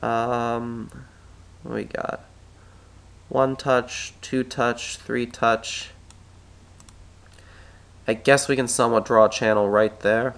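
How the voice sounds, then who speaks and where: A stock market analyst with a stuffy head cold screen-records a chart tutorial, thinking aloud, clearing his throat, and often correcting himself as he draws. His mid-range voice is flat, slow, creaky, fairly bright and clean, with long pauses.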